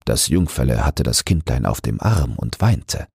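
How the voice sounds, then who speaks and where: A man's voice: animated, a little slow, a little mellow, no room sound, clean studio sound, heavily acted. An actor playing a poor, pious river boatman telling his tale in a storybook reading. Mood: earnest. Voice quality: deep, gravelly.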